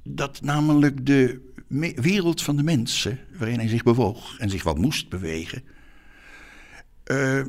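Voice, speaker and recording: A man giving reflective documentary commentary, pausing to search for words. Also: medium pitch.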